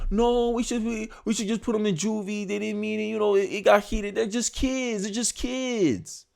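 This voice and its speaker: Blunt, heated male commentator. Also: sits high. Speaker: online commentator. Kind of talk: reaction commentary.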